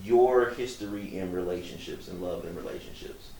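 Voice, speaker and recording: Measured male talk show host, low voice. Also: warm tone. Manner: measured, formal phrasing. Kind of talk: interview hosting. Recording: echoey room, distant mic.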